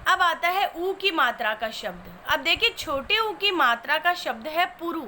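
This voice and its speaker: High, bright woman teaching slowly. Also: very animated, slight background noise. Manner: patient, breaks words into sounds step by step. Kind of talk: Hindi spelling lesson.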